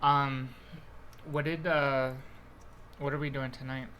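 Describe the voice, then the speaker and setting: Bright-voiced man chatting over food. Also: medium pitch, flat delivery, takes it slowly, a little hiss or hum. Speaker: host. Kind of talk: casual chat while eating.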